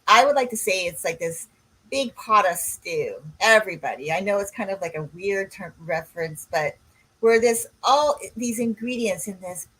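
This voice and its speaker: A woman's voice: mid-range voice, expressive, normal speed, a bit bright, slightly rough, poor audio. Woman in her sixties, rambling. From Canada. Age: 60s. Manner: rambling, goes off on tangents. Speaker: coach and podcast co-host. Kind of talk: casual podcast chat.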